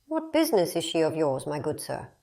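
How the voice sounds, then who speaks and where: A man's voice: fairly high pitch, huge pitch swings, fairly quick, gravelly, dark tone, voice pushed up, exaggerated voice. A man with a Russian accent voicing a suspicious, curt old woman in an audiobook. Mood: guarded, curt. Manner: curt, guarded.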